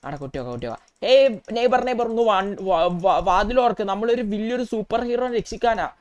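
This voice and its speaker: A woman voicing an excitable, chatty young male street hustler, talking through a game in role-play. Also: medium pitch, a little fast, lo-fi sound, lightly acted. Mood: excited.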